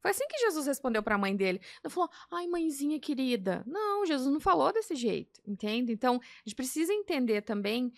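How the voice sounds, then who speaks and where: A Brazilian woman guest telling her faith story in casual chat, acting out quoted dialogue with animated delivery. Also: sits high, a little fast, few pauses, dry recording, clean studio sound. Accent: Brazilian Portuguese. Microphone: podcast mic.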